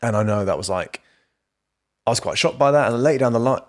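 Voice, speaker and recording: A young man in casual podcast conversation, asking questions in a hesitant, halting way. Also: medium pitch.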